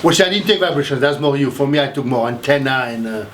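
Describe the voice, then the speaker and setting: A Haitian man in his sixties, a math professor, talks casually in an interview, rambling through memories and restarting often. His voice is mid-range with lively intonation, and he speaks fast over crowd noise.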